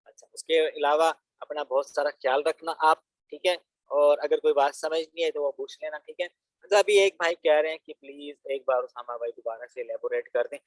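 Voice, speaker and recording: A man's voice: a little high, fairly quick, dry recording, low-quality recording. A young man, walking viewers through an online course tutorial in a casual, chatty way and often adding "theek hai" as a filler. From Pakistan. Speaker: online business course instructor. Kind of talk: casual screen-recorded tutorial.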